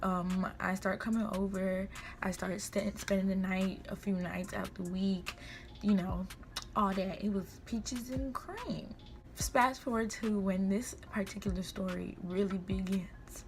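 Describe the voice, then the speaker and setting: A woman's voice: medium pitch, steady tone, measured pace. Gossipy young American woman over background noise. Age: young adult. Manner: chatty and informal, acting out quoted dialogue. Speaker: vlogger. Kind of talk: casual gossipy storytime chat. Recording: clear background room noise.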